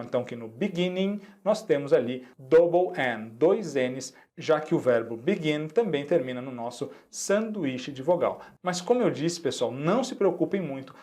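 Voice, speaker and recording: A man with a Brazilian Portuguese accent teaching a recorded online lesson, patiently repeating each example slowly. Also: on the high side, mellow. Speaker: English teacher.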